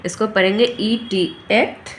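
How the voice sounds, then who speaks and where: A woman's voice: medium pitch, steady tone, unhurried, slight background noise. A woman teaching a phonics lesson, patiently sounding out each letter. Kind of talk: phonics lesson for parents and children.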